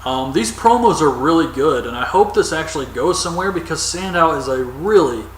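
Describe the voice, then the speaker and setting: A man's voice: fairly high pitch, animated, fairly quick, slight background noise. Rambling man with echoey distant mic. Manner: rambling, opinionated, frequent ums. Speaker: wrestling reviewer. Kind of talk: casual solo commentary.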